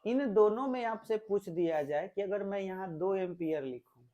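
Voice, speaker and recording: A man's voice: high-pitched, moderate pace, dark tone, muffled recording. A male physics teacher, giving a classroom lecture, explaining step by step and asking the class questions.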